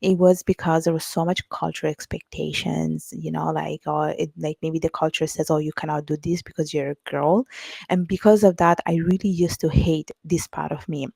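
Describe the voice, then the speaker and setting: A woman's voice: low-pitched, flat delivery, moderate pace, vocal fry, warm tone, husky, dry recording. A woman from Italy with an Italian accent, an author talking as a guest in a casual interview, reflective and full of "you know" and "like.".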